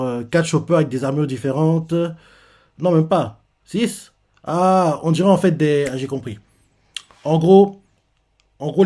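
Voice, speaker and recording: A man hosting a live manga reaction, reading the chapter aloud and thinking out loud with frequent pauses and restarts. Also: fairly high pitch.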